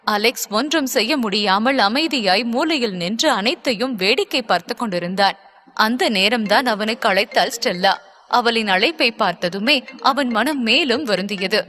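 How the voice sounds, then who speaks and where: A woman narrating a dramatic audiobook in a measured, scripted way. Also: fairly high pitch, lively intonation, bright, forceful tone, long reverb tail.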